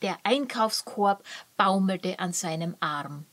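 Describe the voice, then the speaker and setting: Lady reading a kids story, calm and slow, dry close mic. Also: medium pitch, no echo. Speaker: narrator. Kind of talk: children's audiobook reading.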